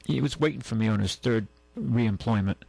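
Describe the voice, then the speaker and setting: A man who hosts a talk radio show and also sells cars spins long anecdotes in a casual on-air style from a radio studio, restarting often and acting out the quotes. His medium-pitched voice is fairly quick, gravelly, and darkish with a breathy edge, and there's no room sound.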